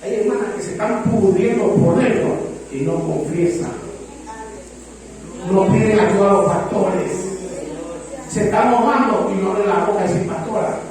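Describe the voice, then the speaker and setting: A man preaches with an emphatic, high voice, often pushing loud and then falling quiet. He sounds far from the mic, and the church hall around him rings with a long echo. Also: normal speed, a crowd in the background. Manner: emphatic, swinging between loud and hushed. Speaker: pastor. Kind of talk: preaching a sermon.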